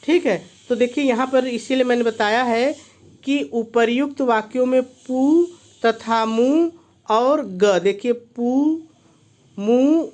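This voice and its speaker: A man's voice: very high-pitched, darkish tone. A male teacher giving a video lesson, who asks himself why and then answers, repeating each key point. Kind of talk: classroom-style video lesson.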